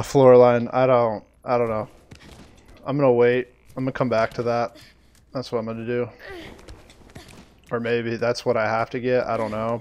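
A man streaming a game live, chatting to viewers, easily frustrated, swearing and breaking into loud surprised outbursts. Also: mid-range voice, clear, resonant tone. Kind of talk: live gameplay commentary.

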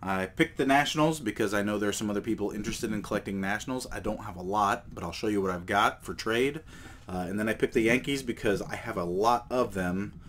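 A fairly low-pitched, brisk voice belongs to a man with a cold who runs a card collecting channel. Seated at an indoor table showing cards, he rambles in a relaxed show-and-tell way, using fillers and correcting himself, with a little hiss or hum in the audio.

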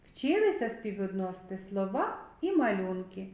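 A woman teaching a literacy lesson to young children, sounding out syllables slowly and gently encouraging them. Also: medium pitch, sing-song, reverberant. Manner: slow, deliberate, drawn-out syllables. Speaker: kindergarten teacher.

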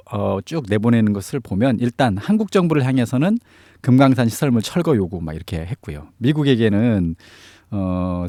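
A man's voice: medium pitch, warm tone, no echo, studio quality. A man giving explanatory analysis as a political commentator in an interview, stressing key phrases. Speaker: news commentator on North Korea affairs.

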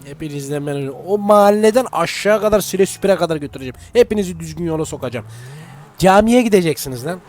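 Excitable, high-voiced male gamer. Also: quick pace. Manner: excitable, high-energy, shouts at the game. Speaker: gaming YouTuber. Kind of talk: gameplay commentary.

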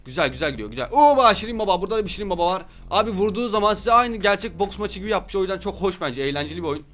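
A young man giving loud, joking commentary on an online game he plays, swearing at his opponents. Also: high voice, expressive, very fast, soft background music. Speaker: gaming YouTuber. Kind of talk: excited gameplay commentary.

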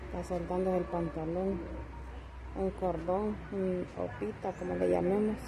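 A woman's voice: on the low side, level tone, unhurried. A woman vlogger chatting casually outdoors and narrating to viewers from behind a handheld phone. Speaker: vlogger filming a charity visit. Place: outdoors at a shack doorway. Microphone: handheld phone, behind the camera. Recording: clear outdoor background and vehicle noise.

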